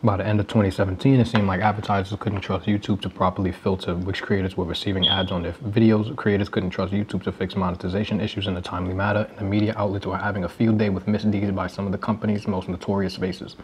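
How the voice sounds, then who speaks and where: Young male vlogger, lowish voice, wry casual commentary while eating cereal. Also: little pitch movement, fast talker, hardly any pauses, a little mellow, a little hiss or hum. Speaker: YouTuber.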